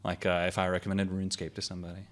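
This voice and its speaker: A man's voice: low voice, monotone, rapid-fire, a little hiss or hum. A man co-hosting a gaming podcast, explaining a game in casual chat, rambling with lots of "like" and "um" and the odd laugh. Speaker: podcast co-host.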